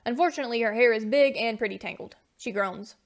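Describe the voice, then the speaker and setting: A woman narrating a scripted story in a brisk storytelling style. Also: a little high.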